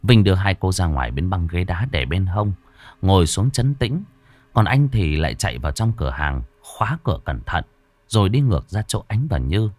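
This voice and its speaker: A man narrates a horror audiobook dramatically. His voice is fairly low, and it rises and falls widely. The recording is dry and close-miked. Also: moderate pace, dry recording. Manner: expressive, dramatic.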